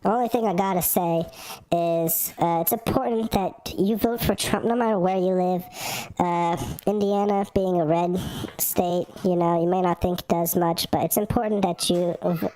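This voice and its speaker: A male livestream host talking through a voice changer that pitches his voice up, rambling casually with fillers and restarts. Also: fairly even intonation, moderate pace, mellow, low-quality recording. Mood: plain. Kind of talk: casual political livestream talk.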